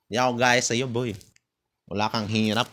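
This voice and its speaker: A man's voice: mid-range voice, level tone, normal speed, a bit bright. A man, ranting in a casual monologue, bitter and taunting, laughing between jabs and switching into English. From Philippines.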